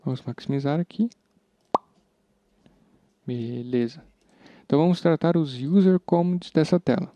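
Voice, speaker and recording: Unhurried and mellow, a man with a fairly high voice and a Brazilian Portuguese accent teaches programming in an informal screen recording, leaving long pauses as he chats and thinks aloud. The sound has no echo and comes across dull and a bit lo-fi.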